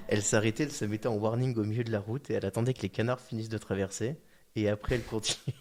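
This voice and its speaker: A man's voice: lowish voice, quick pace, a little mellow. Joking French man hosting radio chat. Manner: jokey, laughs often, trailing fillers. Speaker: podcast host. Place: radio studio.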